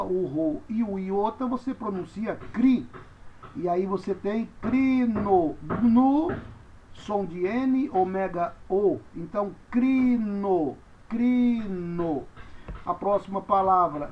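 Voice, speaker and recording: In this dull, lo-fi classroom recording, a man's high-sitting voice carries over slight background noise. He's a Greek teacher running a language lesson, spelling letters out with patience and saying each word twice.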